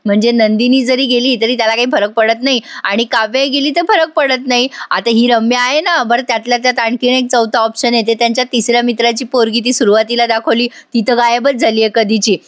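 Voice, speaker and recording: A woman's voice: fairly high pitch, fairly even intonation, a little fast, hardly any pauses, dry recording. A woman with a Marathi accent recapping a TV serial in a voice-over, talking straight to her viewers. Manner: chatty, addresses viewers directly. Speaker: TV serial reviewer. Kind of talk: episode recap voice-over, reading out dialogue.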